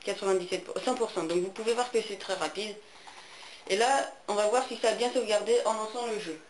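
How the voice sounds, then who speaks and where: A man's voice: high voice, fairly quick. A teenage boy explaining console steps in a tutorial, speaking hesitantly with many fillers. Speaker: gaming tutorial maker. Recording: echoey room, faint noise.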